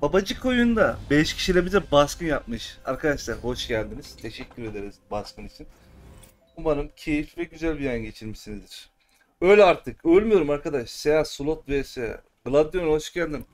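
A man giving live gameplay commentary as a streamer, excitable and cursing at the game at times, then calm and muttering. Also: on the high side, normal speed, soft background music.

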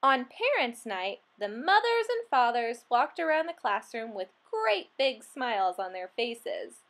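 A woman reading a children's picture book aloud, expressive and playful, acting out the animal sounds. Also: a little high, measured pace. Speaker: storybook reader.

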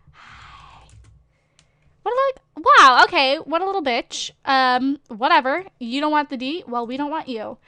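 A woman's voice: high voice, no room sound. A woman with a slight lisp casually commenting on a game, rambling and giggly, with lots of "like" and "um", recorded on a desktop microphone at home. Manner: giggly, rambling, playful trolling with frequent "like" and "um". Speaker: gaming video host. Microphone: desktop USB microphone.

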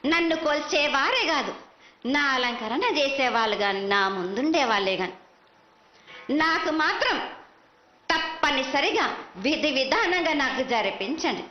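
A woman's voice: sits high, very animated, normal speed, long pauses, bright, forceful tone, dull audio. A woman with a Telangana Telugu accent speaks as a festival oracle in the voice of a mother goddess, declaiming commands and repeating herself. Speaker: oracle delivering a festival prophecy. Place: live temple festival ceremony. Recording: echoey, band-limited live broadcast with faint noise.

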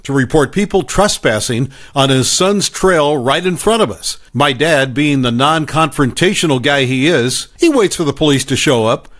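A male narrator reading a written story aloud in a scripted style. His voice sits a little high for a man and moves lively up and down, and his delivery is expressive and steady. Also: moderate pace, hardly any pauses. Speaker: story reader.

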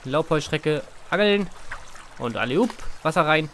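A man's voice: on the high side, lively intonation, measured pace, background noise. A man hosting a let's play, casually commenting on the game, reading its text aloud and joking as he goes. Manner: playful, reads game text aloud and jokes. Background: faint game music.

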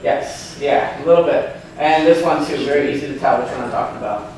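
A seminar presenter in his thirties gives an informal slide lecture in an indoor hotel meeting room, speaking a little fast in a mid-range, darkish voice. He is chatty, with many ums and restarts, and asks the audience questions. A far camera with no handheld mic captures him, so the room sounds echoey and distant.

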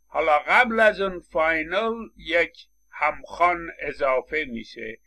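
Guy teaching a phonetics class, bright tense voice, lots of uh's as he explains. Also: on the high side. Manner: explanatory, many hesitation fillers. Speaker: phonetics lecturer. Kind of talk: university lecture.

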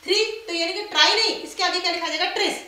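A female chemistry lecturer teaches a class, posing questions and answering them herself while mixing English terms into her speech. Her very high voice is quick, bright, and forceful, recorded in a very echoey room with faint noise.

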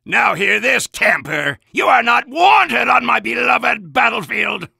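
An actor playing a gung-ho, belligerent American army soldier in a video game, barking bombastic orders and insults in a raspy, gravelly shout. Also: male voice, very high voice, animated, slow pace, no room sound, studio quality, full character voice. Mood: gloating, belligerent.

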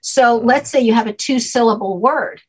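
Speaking at a normal speed in a slightly high voice with a breathy edge, an older expert guest teaches her subject patiently during an interview. She joins by video call from home, frequently asking "okay?", and the audio quality is poor.

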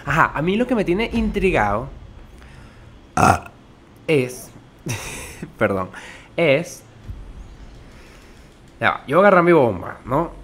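A man with a Venezuelan Spanish accent giving excitable, swearing gameplay commentary as a gaming YouTuber. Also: medium pitch, a little hiss or hum. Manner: excitable, swearing, joking with viewers.

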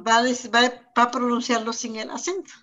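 On a muffled recording, a woman from Oaxaca's Sierra Norte in Mexico talks fairly quickly in a high-leaning, fairly bright, level voice. She teaches Zapotec and, in this conversational discussion, thinks aloud with fillers and repeated words.

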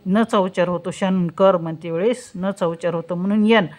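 A woman teaching spelling step by step, saying example words slowly and answering her own questions. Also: lowish voice, fairly even intonation, a little mellow. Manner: slow, drawn-out pronunciation of example words, asks questions and answers them herself. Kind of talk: spelling lesson, explaining step by step.

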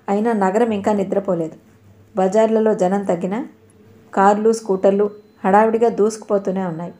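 Female narrator for an audio novel, mellow tone, voices every character herself. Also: mid-range voice.

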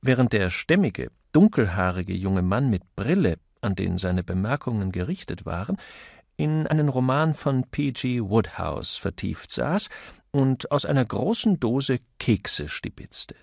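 A male audiobook narrator reading a crime story with lively, expressive swings of pitch. His voice is gravelly and sits at a middle pitch, recorded close and dry. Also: measured pace, no echo. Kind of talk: scripted narration.

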